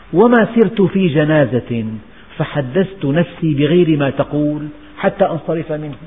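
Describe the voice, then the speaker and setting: A man with a Syrian Levantine accent giving a religious lecture on scripture, emphatic, stacking repeated phrases into rhetorical lists. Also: fairly high pitch. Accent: Syrian Levantine Arabic. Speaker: Islamic preacher explaining scripture. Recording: tinny lo-fi audio with long hall reverb.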